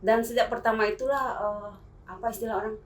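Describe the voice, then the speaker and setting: A middle-aged woman, a podcast guest, talking in a relaxed storytelling way. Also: a little high, fairly quick. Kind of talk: casual podcast chat. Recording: echoey room, distant mic, faint noise.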